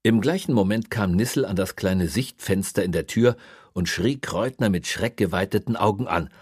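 A man reading a story aloud in a measured, expressive audiobook style. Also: fairly low pitch, breathy edge, no echo, studio quality. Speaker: narrator.

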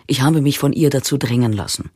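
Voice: mid-range voice, brisk, darkish tone, slightly rough, no echo, clean studio sound, natural voice. A narrator voicing a frustrated man in his late thirties who speaks bluntly. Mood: resentful.

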